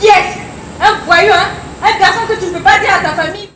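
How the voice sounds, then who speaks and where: A woman's voice: very high voice, a little fast, noisy background. A teenage girl acting a fussy, scolding old nurse who fusses over her charge in a school stage play. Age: teens. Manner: scolding, lamenting. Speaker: student actor. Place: theatre hall. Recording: echoey hall, insects behind.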